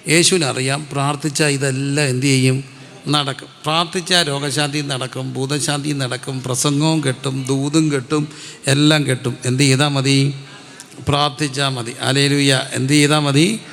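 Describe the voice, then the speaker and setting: A man's voice: mid-range voice, vocal fry, a bit bright, big-room sound. A man preaching a sermon as a pastor, asking the congregation questions, answering them himself and calling out hallelujah. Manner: slows right down when reciting prayer lines.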